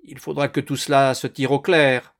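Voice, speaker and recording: A man voicing a suspicious old male landowner hunter who shouts and blusters, making angry accusations. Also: mid-range voice, big pitch swings, measured pace. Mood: furious.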